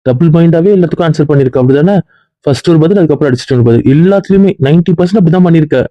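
A stern college dean scolds at a rapid clip, as a man acts him out, his voice a little high for a man. The sound is dry and a touch muffled, with no room around it. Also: no room sound, lightly acted. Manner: lecturing, reproachful. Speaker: actor. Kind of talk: web series drama acting.

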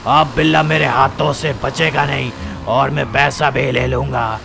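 Slurry tipsy goon, guy playing him, gravelly voice. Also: mid-range voice, fairly even intonation, measured pace, music in the background. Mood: grumbling. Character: drunk male gangster thug, sulky and vengeful.

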